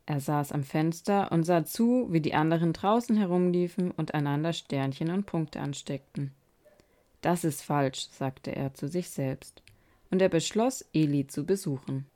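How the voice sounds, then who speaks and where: Casting: female podcast host reading a kids' story, calm, slightly low voice. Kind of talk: reading a children's story aloud.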